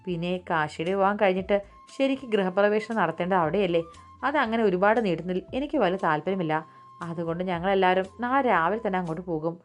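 A woman's voice: fairly low pitch, animated, fast, close to an everyday voice. A woman voicing a stern, dignified older matriarch who speaks firmly and gives orders, with faint music behind. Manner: firm, commanding.

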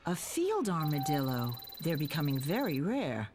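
An actress voicing a measured, businesslike woman scientist in a video game. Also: low-pitched, sing-song, music in the background. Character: calm woman scientist cataloguing species.

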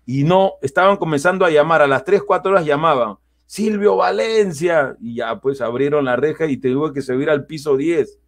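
A man tells a story in casual conversation. His voice sits a bit high, and he acts out the quotes with lively energy, often restarting his sentences. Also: a little fast, hardly any pauses. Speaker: guest.

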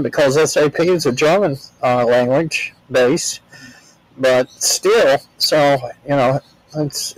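A man's voice: on the high side, no echo, rough recording. An older American man talking as an interview guest, telling travel stories in a rambling, plainspoken way with frequent restarts. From United States. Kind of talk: relaxed storytelling in an interview.

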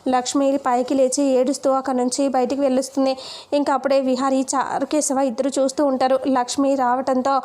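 A woman's voice: high voice, level tone, fairly quick, a little mellow. A woman casually retelling a TV serial episode, chatty and repetitive. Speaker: story narrator.

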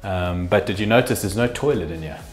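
A house flipper hosting his show walks casually through an empty old house, chuckling as he points things out in a low, fairly quick voice. Light music plays, and the bare rooms echo.

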